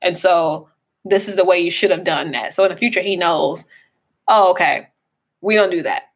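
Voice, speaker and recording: A woman's voice: on the low side, normal speed. A woman co-hosting a casual parenting podcast, talking earnestly with many fillers. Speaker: co-host.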